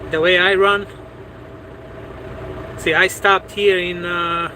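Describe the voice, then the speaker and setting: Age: adult. Sex: man. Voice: somewhat high for a man. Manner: rambling, repeats words, many "you know"s. Style: casual livestream chat from a parked truck. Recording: noisy cab with air conditioning and traffic hum. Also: little pitch movement, slow. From Bosnia. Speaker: truck driver and livestream host.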